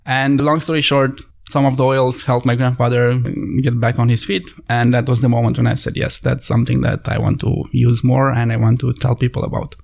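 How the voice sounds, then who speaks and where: Man, gravelly vocal fry, thoughtful storyteller, podcast guest. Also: mid-range voice, level tone, a little fast, darkish tone. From Romania. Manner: thoughtful, storytelling, slightly non-native phrasing. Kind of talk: conversational podcast interview.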